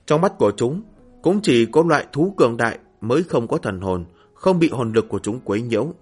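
A man reading a fantasy novel aloud in a steady, even storytelling manner, with a husky voice. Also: mid-range voice, a little fast, faint music behind. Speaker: audiobook narrator. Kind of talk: scripted fantasy novel narration.

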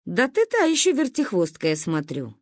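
Playful ribbing uncle from a storybook, voiced by a woman reader, lively and teasing. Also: medium pitch, normal speed, dry recording, clean studio sound. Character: teasing grown-up uncle, joking son.

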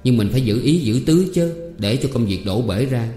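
A man voicing a sharp-tongued young servant woman. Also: mid-range voice, expressive, normal speed, natural voice. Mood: coaxing. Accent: Southern Vietnamese. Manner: coaxing, then tart and firm. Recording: echoey hall with faint music.

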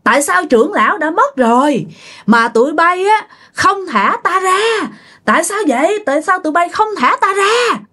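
A woman voicing an angry vengeful old male spirit, with a hoarse raspy voice that sounds aggrieved and threatening. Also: lively intonation, moderate pace, pushed and bright, exaggerated voice. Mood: anguished. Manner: threatening, demanding, high-pitched.

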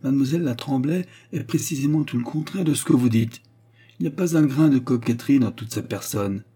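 A man's voice: mid-range voice, fairly quick, warm tone, breathy edge, pitched above the performer's own voice, close to an everyday voice. A man voicing a polite but stubborn young man defending himself. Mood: earnest.

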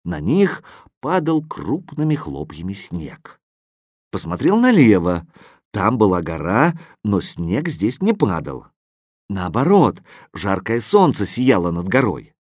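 A man narrating a children's story in the first person, with an expressive reading. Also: lowish voice, no echo, clean studio sound. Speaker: audiobook narrator.

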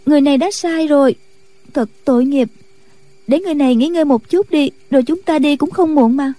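Woman doing a soft-voiced gentle young nun. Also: sits high, brisk, no echo, voice pushed up, natural voice. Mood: tender. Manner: soft and soothing.

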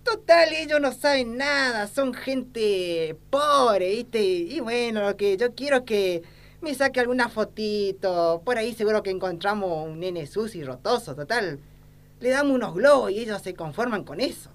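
Speaking at medium pitch and normal speed, a woman gives an expressive, lightly acted performance. Her character, from an amateur satirical sketch, is a crooked, lecherous, ignorant old small-town politician with an Argentine accent, folksy and blustering, here bossy and scheming.

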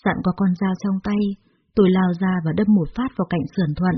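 A woman narrating a dramatic first-person story in a steady, dramatic tone. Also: lowish voice, fairly quick, slightly rough. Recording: dull lo-fi audio.

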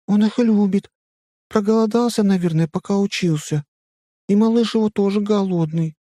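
A man's voice: high-pitched, normal speed, mellow, dry recording, voice pushed up, close to an everyday voice. A man voicing a timid, caring young blonde woman who cooks for the crew.

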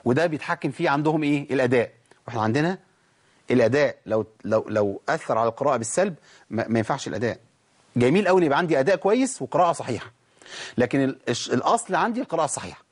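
A man's voice: medium pitch, animated, husky. A man with an Egyptian Arabic accent teaching Quran recitation rules, explaining in a conversational way and asking himself questions before answering them. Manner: explains, then demonstrates recitation with slow drawn-out examples. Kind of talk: Quran tajweed lesson.

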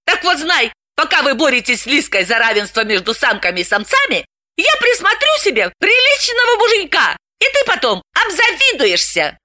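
A woman doing a shrill excitable girlfriend. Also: normal speed, full character voice. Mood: agitated. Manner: shrill, emphatic, exclaiming. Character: excitable pushy woman friend in her thirties. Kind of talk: audiobook character reading.

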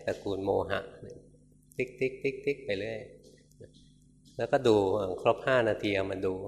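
Older Thai monk giving a sermon in a hall. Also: male voice, on the low side. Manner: storytelling, acts out quoted lines, chuckles. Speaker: Buddhist monk teacher. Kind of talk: dharma sermon. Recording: long reverb of a hall, faint background noise.

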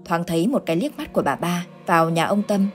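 A woman with a fairly low voice reads a ghost story aloud in a measured, suspenseful telling. Faint music plays under her voice. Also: animated. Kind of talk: scripted ghost story narration. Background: soft background music.

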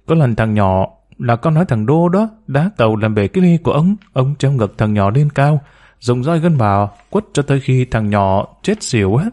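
A man's voice: mid-range voice, expressive, moderate pace, darkish tone, lightly acted. A man voicing a timid, humble woman of about forty who speaks deferentially, hesitant and pleading. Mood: bitter.

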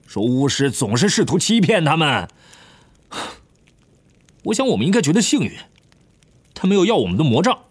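A man voicing a blunt, impulsive teenage wizard who talks eagerly and quickly. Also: on the high side, sing-song, no echo, pitched above the performer's own voice.

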